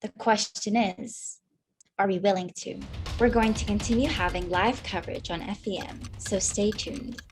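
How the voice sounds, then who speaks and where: A woman's voice: mid-range voice, moderate pace, soft background music. A young woman playing a news anchor in a staged newscast, formal delivery.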